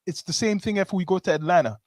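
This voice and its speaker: A man's voice: high-pitched, fast, no echo, studio quality. A man with a Toronto slang accent in a casual discussion, explaining his points step by step and often checking in with "right?". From Toronto, Canada.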